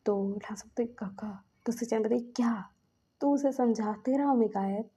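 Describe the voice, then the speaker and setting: A woman's voice: on the high side, normal speed, dark tone, slightly rough. A woman casually retelling a romance fan story, quoting every character in her own voice.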